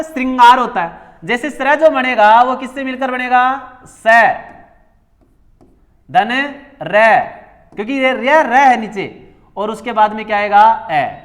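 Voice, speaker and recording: A man's voice: extremely high pitch, fairly bright tone. A male teacher giving a classroom grammar lesson, repeating key words and asking questions that he answers himself. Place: coaching class.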